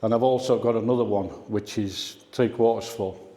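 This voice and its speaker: An older man, a guest speaker at a radio club, gives an informal slide talk about his personal memories, explaining things conversationally. His lowish voice is steady and mellow at a normal speed. The indoor club meeting room makes the recording echoey and reverberant.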